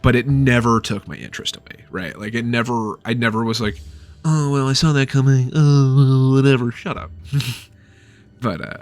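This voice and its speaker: Man in his thirties, casual book review, rambling and sweary, mid-pitched voice, soft music underneath. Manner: rambling, loose, with frequent swearing.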